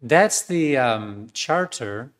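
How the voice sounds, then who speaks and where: A man's voice: medium pitch, lively intonation, very slow, fairly bright tone. A man preaching a sermon as a priest, earnest, with some fillers and restarts.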